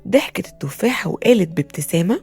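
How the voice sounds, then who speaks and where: A woman with an Egyptian Arabic accent narrating a children's bedtime story in an expressive, soothing way. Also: on the low side, fast talker, gravelly, slightly rough, faint music behind.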